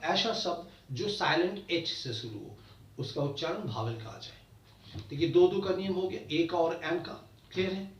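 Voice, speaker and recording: Lively-pitched teacher in an echoey room. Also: male voice, far from the mic. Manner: explains rules step by step with repeated checks and examples. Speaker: English grammar teacher. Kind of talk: classroom lecture. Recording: echoey room, voice somewhat off-mic.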